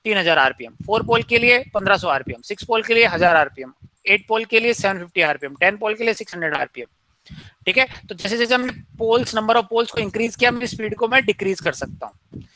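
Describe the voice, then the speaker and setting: A man's voice: high voice, quick pace, pushed and bright, rough recording. A man giving a classroom engineering lecture, posing questions to students and answering them himself, mixing in English technical terms.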